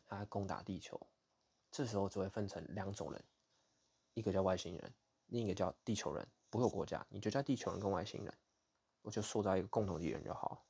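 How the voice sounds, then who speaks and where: Gravelly low-voiced Taiwanese man. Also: a little mellow. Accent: Taiwanese Mandarin. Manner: candid and indignant, with blunt swearing. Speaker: podcast host. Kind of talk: casual storytelling monologue.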